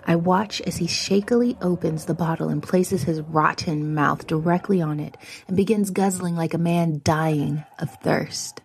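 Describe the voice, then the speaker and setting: A woman reading her own first-person horror story aloud, measured and often dropping to a hushed whisper. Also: on the low side, steady tone, creaky, a little hiss or hum.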